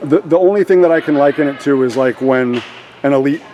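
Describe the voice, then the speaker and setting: A man conducting a sports interview, piling up praise and stumbling through long, winding questions. His pitch sits in the middle range. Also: brisk, darkish tone, muffled recording, a little hiss or hum. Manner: rambling, many fillers and restarts, effusive. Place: gym after a game.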